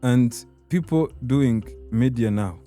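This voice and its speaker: A young man with a Rwandan accent, a student leader, speaking in a halting way with many restarts. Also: medium pitch, mellow, faint music behind. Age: young adult. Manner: laughs often, halting. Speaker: student guild president. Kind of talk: casual interview chat.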